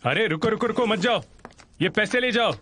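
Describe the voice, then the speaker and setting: A man's voice: medium pitch, very animated, normal speed, background noise, lightly acted. A man dubbing a proud, stubborn man who insists on refusing help, in a drama. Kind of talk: Hindi dub of a drama.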